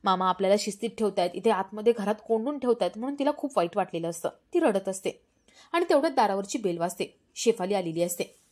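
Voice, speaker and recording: A woman narrating a television serial recap in a steady storytelling voice. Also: medium pitch, quick pace.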